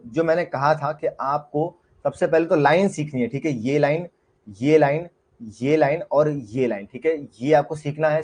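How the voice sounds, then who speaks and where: A man's voice: a little high, a little mellow. Chatty Indian man teaching a class. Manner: chatty, repeats "ठीक है" often, mixes English words. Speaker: shorthand teacher. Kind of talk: live online class.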